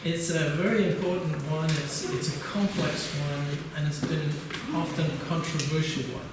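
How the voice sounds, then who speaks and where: A man's voice: fairly high pitch, fairly even intonation, moderate pace. An older man from England giving an academic conference lecture, hesitant, with many uhs and restarts. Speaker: keynote lecturer. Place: conference hall. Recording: distant mic, echoey hall, noise.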